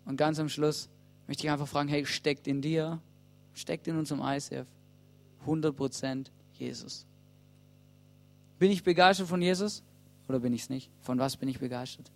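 A man's voice: on the high side, fairly even intonation, normal speed, gravelly, long pauses. A man preaching a sermon from a church stage, earnest and urging, putting questions to the congregation and often starting with "hey". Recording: soft guitar music playing behind.

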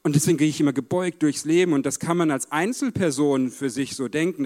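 A man with a noticeably high voice gives a sermon. His delivery is emphatic. He drops low and quiet, then lifts his voice to press a point home. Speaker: preacher.

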